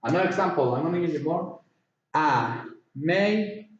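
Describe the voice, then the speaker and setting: A man teaching an English grammar lesson, slowly repeating words and spelling letters out. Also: high-pitched, expressive, a little mellow. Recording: echoey, distant, dull room sound.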